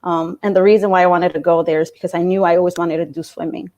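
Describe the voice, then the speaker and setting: A woman in her late twenties from New York City, talking in a casual interview about her school days, thoughtful, with frequent fillers and soft laughs. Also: lowish voice, level tone, fast. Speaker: interview guest, alumna.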